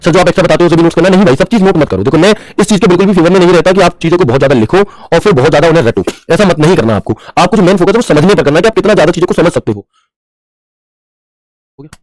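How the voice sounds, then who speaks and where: Male computer teacher, quick-fire delivery, self-answering questions, dry close mic. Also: a little high, lively intonation, a little mellow, no echo, low-quality recording. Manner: repeats questions to the class and answers them; mixes English terms into Hindi, calls students bhaiya. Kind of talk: screen-share tutorial lesson.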